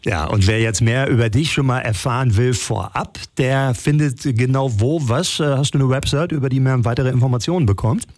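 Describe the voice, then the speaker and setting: Man, radio host, friendly questions, mid pitch, dry studio sound. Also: brisk, few pauses, a little mellow, no echo. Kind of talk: radio interview.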